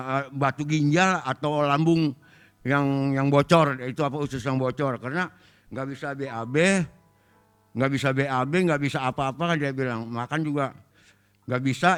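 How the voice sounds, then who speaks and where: A man's voice: mid-range voice, moderate pace, fairly bright tone, clean tone. A middle-aged man giving a spoken testimony in church, telling his story in a plain, emotional way. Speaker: congregation member giving testimony.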